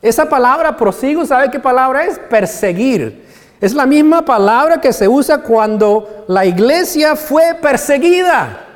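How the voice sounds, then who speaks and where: An impassioned male pastor preaches in a high, lively voice that leaps up and down. He drops to near-hushed phrases, then rises to loud exclamations. His voice carries the long reverb of a large church hall. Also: a little slow. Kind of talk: Spanish-language sermon.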